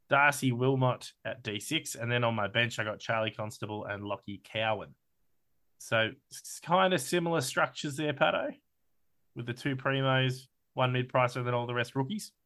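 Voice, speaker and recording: Aussie guy, bright voice, excitable, swears a lot, casual podcast chat. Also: medium pitch. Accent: Australian. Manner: excitable, swears freely, keeps addressing his co-host. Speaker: podcast co-host.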